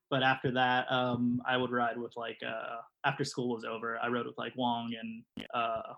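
A man's voice: medium pitch, little pitch movement, measured pace, gravelly, fairly bright tone, lo-fi sound. A man in his thirties from California, chatting casually as a podcast guest in a laid-back, hesitant way. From California, United States. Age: 30s. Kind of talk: casual chat. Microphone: online video call at home.

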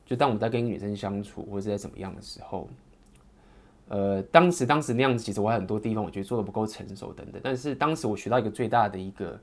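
A man's voice: lowish voice, a little mellow. A man in his thirties with a Taiwanese Mandarin accent, telling a personal story in a rambling, casual way with many fillers and restarts.

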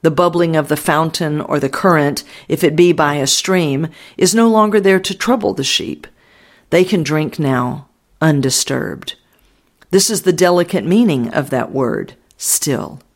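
A man reading as a gentle old shepherd, mellow and earnest. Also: fairly high pitch. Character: gentle older male shepherd guest, devout. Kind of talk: audiobook narration.

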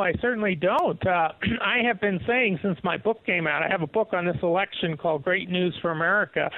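A man's voice: high-pitched, no room sound. A man calling in over the phone as a guest author on a political talk show, speaking with assurance and frequent "uh" fillers. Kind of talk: political talk radio interview. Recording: tinny phone line.

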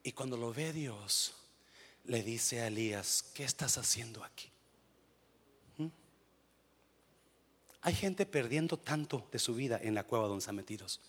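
A Mexican man preaching a sermon with a Mexican Spanish accent, urging the church on, dropping to hushed tones and then shouting, with English phrases mixed in. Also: mid-range voice, lively intonation, a little slow, long pauses, husky. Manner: shouts and sings out exhortations, then drops to hushed intensity. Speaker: pastor.

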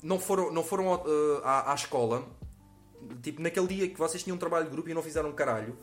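A man's voice: on the high side, rapid-fire, soft background music. A 21-year-old man with a Lisbon-area European Portuguese accent, telling a comic anecdote in slangy, profanity-heavy speech. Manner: slangy, swears a lot, acts out quotes. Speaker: comedian telling a story.

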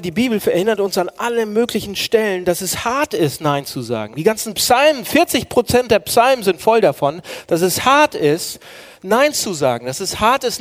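Earnest preacher man, dramatic hush and swell. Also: high-pitched. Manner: dramatic swings from loud declaiming to hushed near-whisper; earnest, addresses listeners as friends. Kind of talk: sermon.

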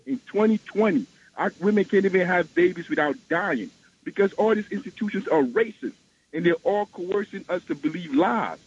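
A man's voice: high voice, expressive, moderate pace. A man calling in to a talk radio show over the phone, speaking in an impassioned, emphatic way that repeats his points. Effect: heard over the phone. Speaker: radio call-in caller. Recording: dull phone line with faint hiss.

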